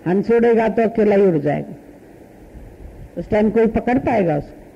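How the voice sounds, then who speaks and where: A woman's voice: mid-range voice, animated, moderate pace, gravelly, highs cut off, a little hiss or hum. A woman spiritual teacher giving a satsang sermon, telling a story in short, repetitive, folksy phrases.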